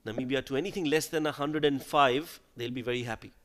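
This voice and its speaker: A man commentates live on cricket over a faintly noisy background. His pitch is average for a man, and he talks conversationally, as if chatting with a partner in commentary. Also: fast talker, fairly bright tone.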